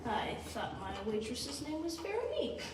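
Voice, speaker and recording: A teenage girl playing a lonely, gloomy restaurant customer, awkward and flat, on a school stage. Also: high voice, moderate pace, noisy background. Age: teens. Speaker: high school student actor. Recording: echoey hall from far off.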